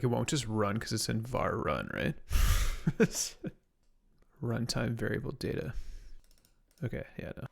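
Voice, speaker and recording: A man's voice: medium pitch, creaky. A young man from Canada, live-streaming a reverse-engineering session, thinking aloud casually and answering chat. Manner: casual, muttering to himself, reading chat questions.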